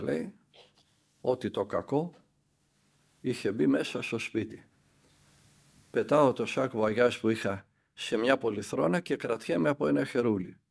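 Older monk guy, gravelly voice, telling a story and doing all the dialogue. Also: medium pitch. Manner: lively storyteller acting out the dialogue. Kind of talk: spoken spiritual storytelling.

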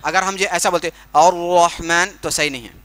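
A man teaching Quran recitation in a workshop, explaining pronunciation patiently with everyday comparisons and slow, drawn-out demonstrations. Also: high voice, steady tone, a bit bright.

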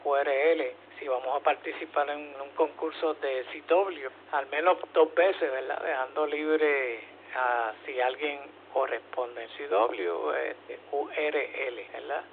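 A man with a Puerto Rican accent runs an amateur radio net, explaining things informally in short phrases with frequent questioning tags. His fairly high voice is steady and slow. The audio is a two-way radio transmission, phone-like and narrowband, with hum and faint noise.

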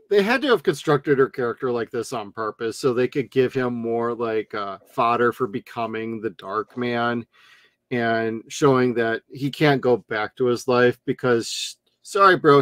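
A man's voice: medium pitch, moderate pace, a bit bright, dry recording. A man co-hosting a casual film review chat, blunt and profane, often mimicking characters mockingly. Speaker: podcast co-host.

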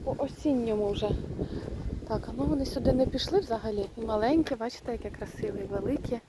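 A woman's voice: on the high side, quick pace, noisy background. A young woman from Ukraine, filming a casual vlog as she walks around her yard outdoors, chatting to viewers and shooing her birds in a raised voice. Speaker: homestead vlogger. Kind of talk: casual vlog narration while walking the yard. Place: outdoors in a rural yard and garden. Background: geese and turkeys calling.

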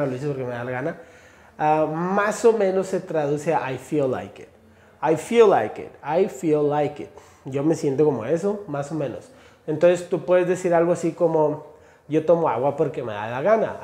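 A man's voice: on the high side, warm tone, reverberant. A Mexican man, a native Spanish speaker, teaching English phrases in a casual, slangy video lesson, calling out to viewers as he reads examples off a screen. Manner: slangy, addresses viewers as "chavos" and "señores".

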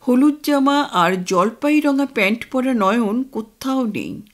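A woman narrating an audio story in a gentle, storytelling manner. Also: mid-range voice.

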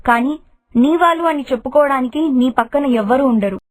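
A devoted young daughter from an animated storybook, put on by a woman narrator, gentle but resolute and earnest. Her voice sits very high. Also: a little fast. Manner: earnest, heartfelt.

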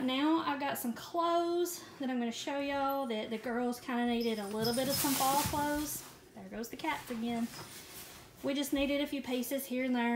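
A middle-aged woman, chatting casually to her viewers while she shows off a grocery haul at home and laughs often. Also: fairly high pitch. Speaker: vlogger showing a grocery haul. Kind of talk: casual chat. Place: indoors at home, camera pointed at groceries. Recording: loud background noise.

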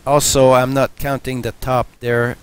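A man talks through a welding demonstration in his garage workshop at a middle pitch, pausing and restarting as he thinks aloud. His tone stays matter-of-fact. Faint workshop noise sits behind him. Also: little pitch movement. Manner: hesitant, many fillers and restarts. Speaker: welding channel host.

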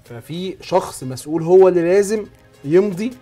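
Fast-talking Egyptian sports show host. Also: male voice, sits high, lively intonation, mellow, soft background music. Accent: Egyptian Arabic. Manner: emphatic, explaining step by step. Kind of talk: sports talk show discussion.

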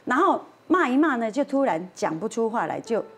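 A woman's voice: a little high, big pitch swings, a little fast, faint music behind. A woman with a Taiwanese accent telling a dramatic anecdote on a talk show, acting out the quoted voices and slipping into Hokkien phrases. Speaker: storyteller guest on a talk show.

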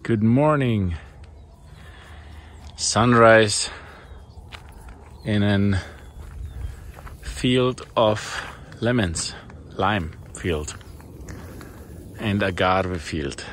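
A man's voice: lowish voice, extremely slow, long pauses, a bit bright, slight background noise. A man who has just woken up, greeting the camera in a sleepy, drowsy way as a travel vlogger. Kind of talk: casual morning vlog greeting.

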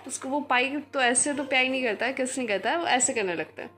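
A woman's voice: high voice, fairly quick, a bit bright, soft background music. A woman from India vlogging casually at home, chatting to viewers about her toddler and explaining what he is up to. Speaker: vlogger and mother. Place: at home, indoors.

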